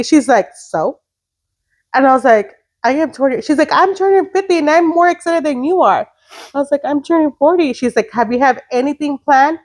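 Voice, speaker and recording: A woman's voice: high-pitched, darkish tone. A woman in her late thirties co-hosting a casual chat podcast, blunt and profane, slipping Spanish words into her English. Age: 30s. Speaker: podcast co-host.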